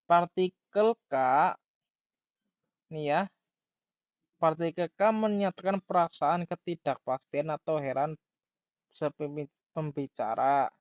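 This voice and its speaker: A man giving a grammar lesson, who talks slowly, repeats key words and reads example sentences aloud. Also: on the high side, dry recording. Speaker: language teacher. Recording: dull lo-fi dry sound.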